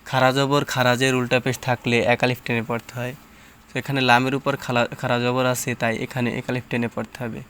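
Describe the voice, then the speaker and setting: A man teaches Quran reading in a tajweed lesson, sounding out each syllable one at a time and patiently explaining the rules. His medium-pitched voice is clear and resonant with a slight brightness, and his delivery is flat and quick-paced.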